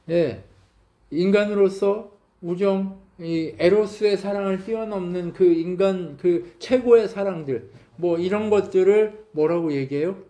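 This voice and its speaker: A man's voice: sits high, warm tone. A male pastor preaching a sermon, often asking the congregation questions and acting out bits of dialogue. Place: church sanctuary.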